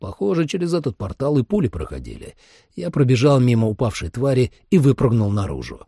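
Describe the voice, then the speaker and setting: Male audiobook narrator, lively first-person action read, dark husky voice, dry close sound. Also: medium pitch, fairly quick, no room sound. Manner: expressive, dramatic.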